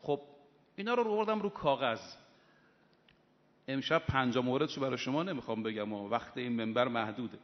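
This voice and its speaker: A man preaching a sermon in an emphatic, animated storytelling manner. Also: on the high side. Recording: muffled, with long hall reverb.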